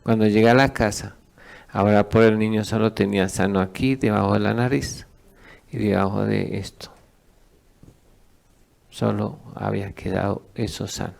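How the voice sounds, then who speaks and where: Gravelly pastor preaching. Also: male voice, lowish voice, steady tone, normal speed, long pauses, darkish tone. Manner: asks the congregation questions and lets them answer. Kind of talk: sermon teaching.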